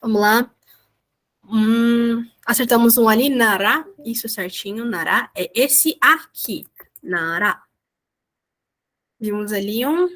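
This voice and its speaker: Woman, young adult, online teacher, slightly higher voice, chatty and encouraging. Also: slow, long pauses, fairly bright tone. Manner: chatty, encouraging, drawls out example words. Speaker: language teacher. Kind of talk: online class explanation. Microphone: video call.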